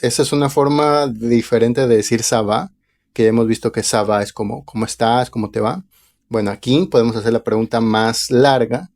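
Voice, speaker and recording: A man teaching a language lesson online, reading example phrases slowly and carefully before explaining them. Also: mid-range voice, a little mellow. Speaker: French teacher.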